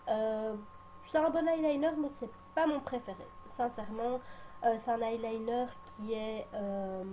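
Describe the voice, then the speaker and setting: A woman's voice: fairly high pitch, warm tone, a little hiss or hum. A woman giving a casual makeup tutorial at home, hesitant and full of filler sounds and restarts as she talks through each step. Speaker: beauty vlogger.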